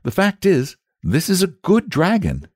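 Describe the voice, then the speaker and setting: An earnest young boy pleads in a raised, lively voice that swings up and down. A man voices him for a storybook. The recording is dry and close. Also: unhurried, husky, dry recording, full character voice. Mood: pleading. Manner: pleading and high-pitched.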